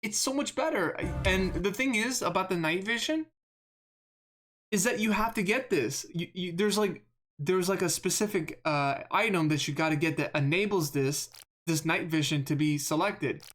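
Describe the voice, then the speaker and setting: The streamer's voice is mid-range and moderately paced as he rambles, monotone, through live gameplay. He tends to repeat words and make self-deprecating remarks.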